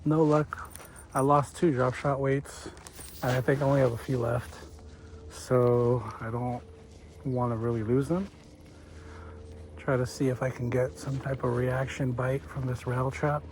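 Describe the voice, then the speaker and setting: A man's voice: medium pitch, a little slow, pauses often. Laid-back man vlogging outdoors by a lake. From California. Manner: relaxed, thinking aloud, chuckles. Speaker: fishing vlogger. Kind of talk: casual vlog narration. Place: outdoors at a lakeshore. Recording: faint outdoor noise.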